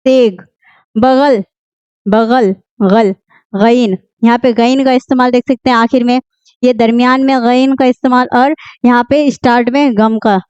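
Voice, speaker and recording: A woman teaching a beginner Urdu lesson, repeating each word slowly and asking and answering her own questions. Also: high-pitched, a little mellow, smooth, no echo. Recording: dull lo-fi dry sound.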